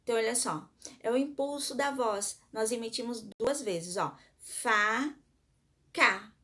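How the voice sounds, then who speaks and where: A woman's voice: on the high side, expressive, normal speed. A woman schoolteacher with a Brazilian Portuguese accent, giving a recorded lesson to her pupils. She explains patiently, step by step, sounds words out syllable by syllable, and asks the class questions that she then answers herself.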